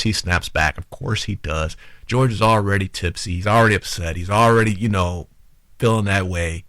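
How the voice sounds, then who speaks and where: A man hosting a talk show, giving relationship advice to women in an animated, informal way and acting out both sides of an argument. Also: fairly low pitch, no room sound, clean studio sound. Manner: informal, conversational, addresses the audience directly.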